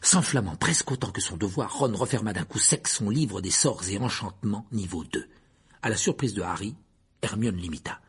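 Husky, gravelly male storybook narrator. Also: on the low side, moderate pace. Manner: expressive reading. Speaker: audiobook narrator.

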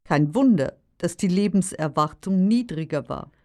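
An actress playing a practical, skeptical daughter who contradicts drily in scripted dialogue. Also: female voice, on the low side, expressive, normal speed, warm tone, close to an everyday voice. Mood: skeptical, questioning. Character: practical, skeptical grown daughter of a nostalgic father. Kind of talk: scripted language-lesson dialogue.

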